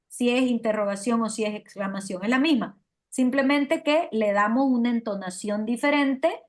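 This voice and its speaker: Woman teacher, lively delivery, voice a bit high. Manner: lively, asks "¿verdad o no?" and "¿sí?" to check understanding. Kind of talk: classroom lecture.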